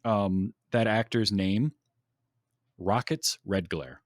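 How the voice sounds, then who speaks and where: A man's voice: fairly low pitch, slow pace, no echo, clean studio sound. A man hosting a podcast, chatting casually and enthusiastically about a film with many ums. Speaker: podcast host.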